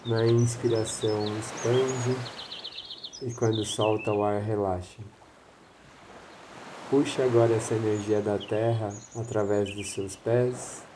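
A man with a Brazilian accent leading a guided meditation in a slow, soothing manner, with long pauses. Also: mid-range voice, noisy background.

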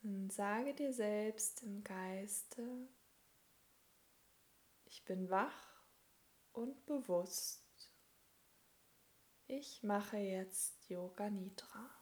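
A woman with a medium-pitched voice guides a yoga relaxation. She speaks calmly and soothingly in short phrases, leaving long pauses between them.

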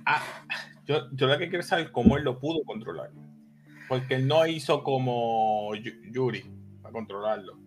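A man, co-hosting a casual anime discussion, talking in an excitable, rambling way and dropping in English words. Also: medium pitch, moderate pace, soft background music. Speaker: co-host.

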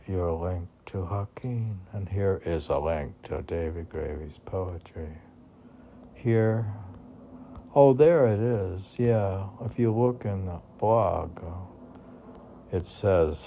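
An American poet gives an informal reading of his own work in a low, warm voice. He wanders into rambling asides, musing and questioning himself out loud as he repeats lines. Faint background noise can be heard.

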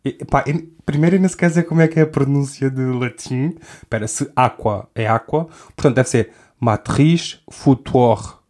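A man's voice: medium pitch, brisk, a little mellow. A young man with a European Portuguese accent, hosting a podcast in a rambling, self-interrupting comic monologue and laughing often. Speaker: podcast host. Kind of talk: casual comedic monologue.

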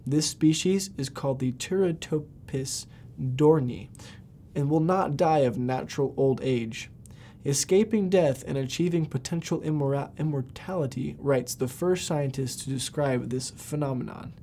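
A man's voice: mid-range voice, a little slow, mellow, a little hiss or hum. A man hosting a podcast, reading scripted science facts aloud and occasionally stumbling over words. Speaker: podcast host.

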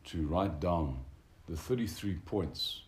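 Very deep, donnish, mellow male lecturer. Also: lively intonation, takes it slowly. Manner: donnish, formal, hesitant academic phrasing. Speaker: religious teacher lecturing a group. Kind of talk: reflective spiritual lecture, unscripted. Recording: roomy echo with background noise.

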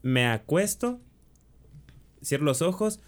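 A man's voice: on the high side, sing-song, takes it slowly, background noise. A young adult man with a Mexican Spanish accent, casually telling a personal story in slangy, restart-filled chat. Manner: slangy, peppers speech with "güey", restarts often.

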